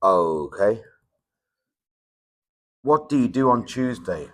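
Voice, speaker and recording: A man's voice: lowish voice, expressive, slow, a bit bright. A man acting as examiner in a mock English speaking test, asking simple questions and patiently repeating and rephrasing them. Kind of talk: mock oral exam questions.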